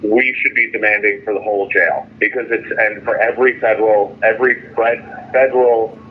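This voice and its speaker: Calling in from jail, a man speaks off the cuff in a lowish voice with a steady tone, the line tinny and noisy. His telling is halting and repetitive with stumbling restarts, yet indignant and emphatic, peppered with quoted dialogue.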